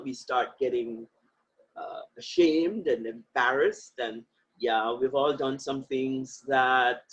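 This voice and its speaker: In muffled lo-fi audio, a woman with a bass, slightly rough voice speaks as an interview guest. She reflects with earnest emphasis and frequently breaks into laughter.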